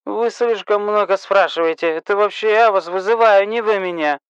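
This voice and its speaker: A man voicing a drunk, hiccuping woman who calls the police, shrill, bossy and slurring. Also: normal speed, a bit bright, smooth, no room sound, muffled recording. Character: drunk, hiccuping, rude middle-aged woman caller.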